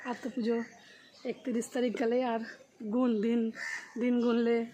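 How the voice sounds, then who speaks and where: A woman in her forties chatting casually in her garden for a vlog, rambling and quick, her voice slightly hoarse. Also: on the high side, flat delivery, background noise. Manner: chatty, rambling, talks fast. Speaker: vlogger. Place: outdoors in a home garden.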